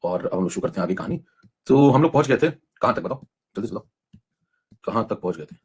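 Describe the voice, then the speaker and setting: Rapid, husky-voiced male chemistry teacher. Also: fairly low pitch, lively intonation. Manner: rapid, coaxing, mixes in English technical terms. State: saving his voice, speaking softly. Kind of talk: live online class lecture.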